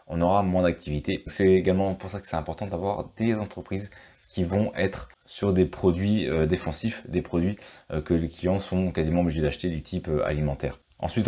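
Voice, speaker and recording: A man's voice: deep voice, dark tone. A man with a French accent explaining stock market risks to his viewers in a casual way, with many fillers and restarts. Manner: thinks aloud with frequent fillers and restarts.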